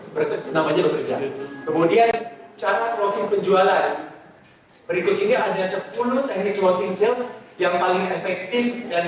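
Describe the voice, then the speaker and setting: A man giving a casual sales training lesson, loose and conversational, often pausing on "eh" and tagging lines with "gitu". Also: sits high, slight background noise. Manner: loose, conversational, with frequent "eh" hesitations and trailing "gitu". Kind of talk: casual instructional talk. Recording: very echoey room, voice distant from mic.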